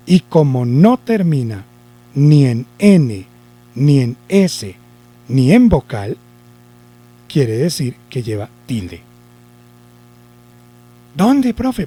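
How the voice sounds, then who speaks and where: A male teacher gives children a spelling lesson in a warm, mid-range voice. He's deliberate, repeating the rules and posing questions to himself.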